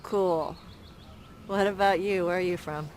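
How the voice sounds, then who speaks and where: An actress in a comedy sketch with a dry, pointed comic delivery. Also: female voice, on the low side, fairly even intonation, unhurried, a little mellow, slight background noise, natural voice.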